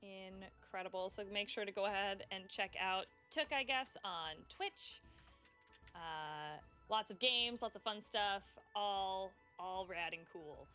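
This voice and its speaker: A woman's voice: mid-range voice, slow pace, bright, forceful tone, smooth, faint music behind. A woman hosting as game facilitator, wrapping up a tabletop game in an upbeat, playful, chatty way. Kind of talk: wrap-up of an actual-play game.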